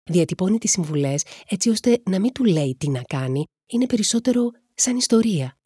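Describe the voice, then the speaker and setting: A woman reading a novel aloud in a steady, even storytelling manner. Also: mid-range voice, breathy edge, dry recording, studio quality. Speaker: audiobook narrator.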